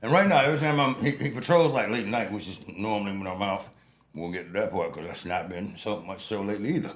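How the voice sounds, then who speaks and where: A man's voice: lowish voice, fast, slight background noise. A middle-aged man telling stories in casual chat as a guest, his words running together so they can be hard to make out. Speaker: interview guest, local personality.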